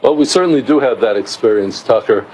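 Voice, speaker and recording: A man's voice: medium pitch, animated, quick pace, darkish tone, slightly rough, rough recording. A middle-aged man from the United States, appearing as a guest on a news show. He lays out his points at length, often stumbling and restarting his sentences as he explains. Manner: explanatory, with frequent restarts and fillers. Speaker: interview guest, author. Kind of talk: remote news interview.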